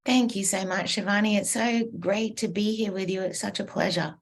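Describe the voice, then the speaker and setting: An Australian woman in her forties, a podcast guest, telling her life story in an unhurried, reflective way. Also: mid-range voice, fairly even intonation. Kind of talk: podcast interview.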